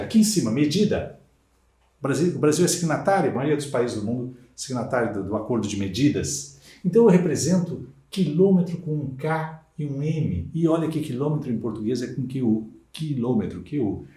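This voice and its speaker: A man from Brazil teaching Portuguese in a recorded exam-prep lecture, with lively, emphatic delivery and frequent rhetorical tags. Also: mid-range voice, brisk. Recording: echoey room.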